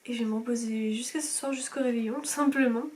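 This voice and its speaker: A woman's voice: a little high, fairly even intonation, fast, a little mellow. A woman in her twenties from France, tired, chatting casually in a home vlog with lots of fillers and restarts. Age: 20s. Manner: rambling, many fillers and restarts. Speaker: vlogger.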